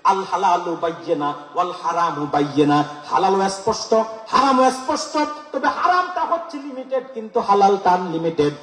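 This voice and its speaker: A man's voice: high voice, expressive, normal speed, fairly bright tone. A man with a Cumilla Bengali accent, a preacher giving a playful sermon to a gathering and often calling on the crowd to answer. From Cumilla, Bangladesh. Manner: playful, keeps quizzing the crowd for replies. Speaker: Islamic preacher. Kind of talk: humorous sermon at a religious gathering. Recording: echoey hall, preacher far from the mic.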